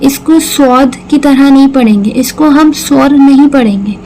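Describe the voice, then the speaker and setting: A woman's voice: sits high, moderate pace, mellow, a little hiss or hum, rough recording. A woman teaching Quran recitation, patiently explaining each sound step by step and repeating words. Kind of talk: slow tajweed lesson with recitation.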